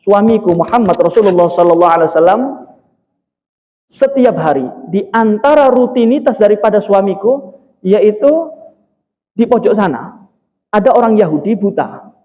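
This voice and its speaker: A man's voice: sits high, animated, moderate pace, pauses often, a little mellow. A man telling as a respectful young daughter. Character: respectful young wife speaking to her father. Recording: dull, echoey mosque hall.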